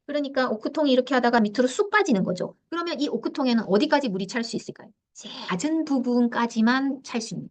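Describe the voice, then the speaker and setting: A woman giving a lecture on parenting, telling stories in an animated way and asking her listeners questions. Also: fairly high pitch. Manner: animated storytelling, acts out quotes and asks the audience questions. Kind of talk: lecture on emotional intelligence.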